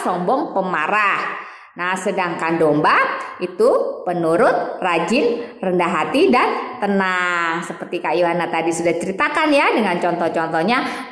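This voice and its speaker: A woman giving a children's sermon at church, animated and sing-song, stretching words out for emphasis. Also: medium pitch. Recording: echoey hall with long reverb.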